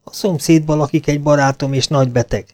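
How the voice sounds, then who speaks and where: A man's voice: fairly high pitch, fairly even intonation, a little mellow, no room sound, clean studio sound, faint music behind, pitched above the performer's own voice, close to an everyday voice. A man playing a wisecracking young adventurer. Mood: joking. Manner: wisecracking, unflappable. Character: cocky, joking young male adventurer.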